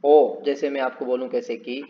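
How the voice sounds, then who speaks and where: A man teaching a spoken English lesson, repeating each word slowly and drawn out as he explains its spelling. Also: medium pitch, level tone, muffled recording.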